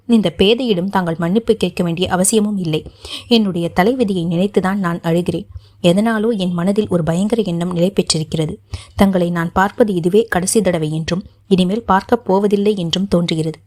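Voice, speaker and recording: A woman narrating an audiobook, voicing an anxious, sorrowful young princess in a fairly low voice. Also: normal speed, a little mellow, lightly acted. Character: young princess, fearful and tearful.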